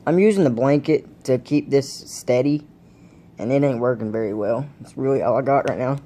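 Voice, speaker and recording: A young man with a mellow, mid-range voice vlogs casually from home at a moderate pace, his camera propped on a blanket indoors. He's reviewing dip tobacco, rambling in a laid-back way to his viewers, and he has the hiccups.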